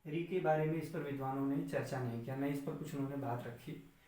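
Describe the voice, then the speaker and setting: A man's voice: medium pitch, fairly even intonation, fairly quick, warm tone. A man teaching an exam-prep lesson, explaining step by step and answering his own questions. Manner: explains step by step, asks the class questions then answers them himself. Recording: echoey room, distant mic.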